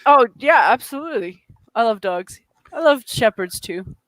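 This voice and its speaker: A woman's voice: a little high, animated, moderate pace, no echo, rough recording. A young Canadian woman from Alberta with a stuffy nose, hosting a casual chat, rambling with fillers and giggles. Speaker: podcast host.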